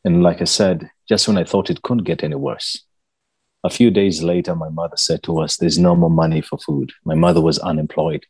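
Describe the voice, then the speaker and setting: A man from Uganda telling his life story as an interview guest, in a slow, earnest, measured way. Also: low voice, steady tone, darkish tone, husky.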